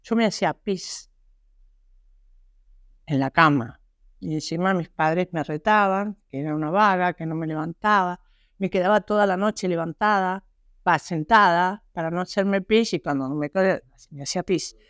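An Argentine woman, a guest author, telling her personal story in an interview, halting and earnest with frequent restarts. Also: on the low side, a bit bright, no room sound, studio quality. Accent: Argentine Spanish. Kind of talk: personal testimony in a podcast interview.

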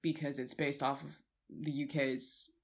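A woman co-hosting a podcast, talking in a relaxed, rambling way with plenty of fillers. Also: extremely low pitch, unhurried. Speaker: podcast co-host. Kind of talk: casual chat.

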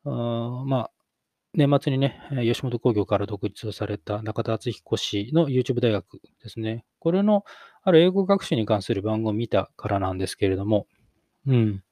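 A middle-aged man hosting a solo podcast, talking reflectively with many fillers and pauses. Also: mid-range voice, mellow, no room sound, clean studio sound. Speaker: podcast host.

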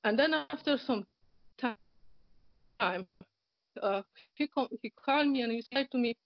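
A Polish woman, a native Polish speaker with a Polish accent, tells a personal story as an interview guest in casual speech, hesitant and full of fillers, with second-language grammar and frequent soft laughs. Her voice is on the high side at a moderate pace. The audio is a dry, dull, lo-fi online internet call.

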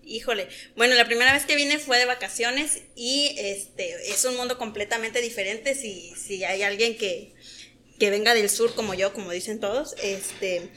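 Mexican woman in her thirties, podcast guest, bright and a bit high, chatty with lots of fillers. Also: moderate pace, slight background noise. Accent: Mexican Spanish. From Mexico (Oaxaca). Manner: chatty, laughs often, many fillers. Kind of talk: casual podcast chat.

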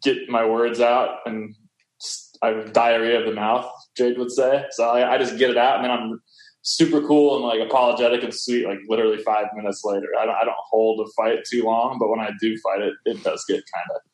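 A man chatting on a podcast over a video call, quick and teasing. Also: medium pitch, fairly even intonation, reverberant, rough recording. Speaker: podcast co-host.

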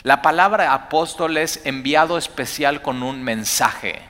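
Pastor preaching, bright forceful voice kinda high, big echoey church hall. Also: male voice, unhurried. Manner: animated, rising to emphatic bursts then dropping to quiet asides. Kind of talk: sermon. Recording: long hall reverb.

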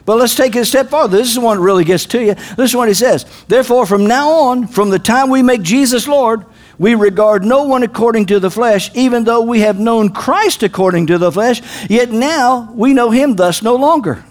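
Male pastor, high-pitched voice, fervent sermon delivery with shouted peaks. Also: normal speed. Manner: preaching with rising shouts and call-and-response.

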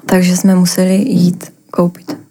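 A young woman from the Ostrava region giving a personal account as a podcast guest, talking haltingly with lots of filler words. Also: lowish voice, monotone, mellow, slight background noise.

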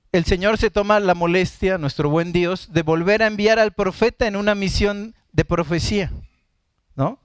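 Male preacher, high and clear, unhurried live-streamed scripture teaching with self-corrections, dry close sound. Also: no room sound. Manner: unhurried, reads scripture then explains, self-correcting asides.

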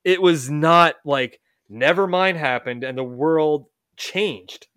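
A man with a fairly high, slightly bright and smooth voice takes his time hosting a casual music chat for his podcast. His speech wanders, with frequent restarts and mid-sentence self-corrections, on a clean studio recording with no room sound.

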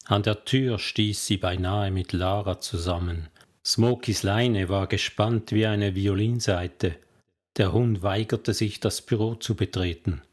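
A man narrating an audiobook novel in a measured, even storytelling manner. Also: lowish voice. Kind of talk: scripted narration.

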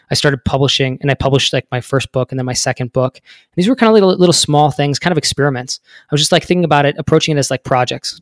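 A man's voice: medium pitch, no echo, studio quality. A man in his thirties telling his story as a podcast guest, rambling with many fillers. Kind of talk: casual interview talk.

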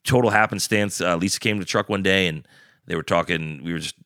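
Deep-voiced rambling man telling a story. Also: quick pace, bright, forceful tone, no echo, clean studio sound. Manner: rambling, storytelling with lots of fillers and acted-out quotes; swears casually. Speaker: guest, brewery partner and food truck owner. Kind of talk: casual chat.

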